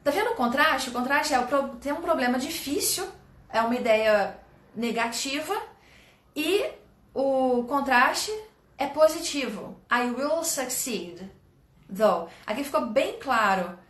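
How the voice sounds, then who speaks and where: A fairly high-voiced woman from Brazil teaches a live English lesson online, lively and encouraging as she reads out viewers' sentences. Her voice rings in an echoey room. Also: a little slow.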